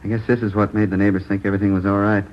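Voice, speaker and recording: A man with a lowish voice delivers his lines rapid-fire, lightly acted, as a police lieutenant in a 1950s radio crime drama. His reading of the neighbors' reports from the murder night stays steady and orderly, on a dull-sounding old radio recording.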